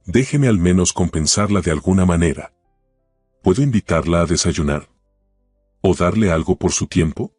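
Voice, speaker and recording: A man's voice: low voice, animated, normal speed, a little mellow, husky, no room sound, faint music behind. A man voicing a grateful executive in a storybook, polite and insistent. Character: grateful gray-eyed male executive, calm, insistent.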